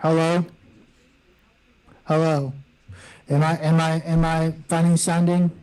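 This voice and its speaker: A man's voice: on the high side, little pitch movement, takes it slowly, a little mellow, smooth. A man chatting on a sports podcast whose voice sounds hollow and echoing, as if in a tunnel. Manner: bantering, repeats words when unsure. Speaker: podcast panelist, Colts fan. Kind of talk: casual sports chat. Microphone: held too close, tunnel-like. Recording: distant, echoing tunnel-like mic.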